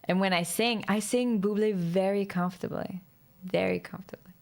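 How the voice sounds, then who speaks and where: A woman chatting casually with her viewers, rambling, lively and laughing often. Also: mid-range voice, moderate pace. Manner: speaks in a lively way. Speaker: streamer.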